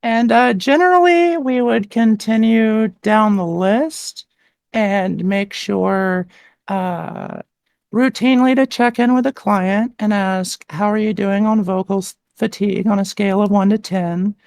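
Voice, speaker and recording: A woman's voice: medium pitch, a little slow, gravelly, a little mellow, dry recording. Dry-sounding woman coaching step by step. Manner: patient, step-by-step, with frequent "like" and "um" fillers. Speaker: voice coach guest. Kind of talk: instructional explanation in a live-stream conversation. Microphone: desktop mic with adjustable gain.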